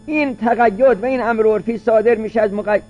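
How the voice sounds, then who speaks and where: A man's voice: high-pitched, steady tone, lo-fi sound. A man teaching a seminary class, reading phrases from a classical Arabic legal text and then explaining each one in plain everyday speech.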